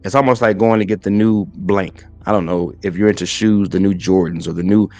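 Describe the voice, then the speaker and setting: In his forties, this podcast host and minister speaks briskly in a low-pitched, darkish voice with fairly even intonation. Soft background music accompanies the echo-free recording as he gives a motivational faith talk, stacking points in threes and checking in with "right?"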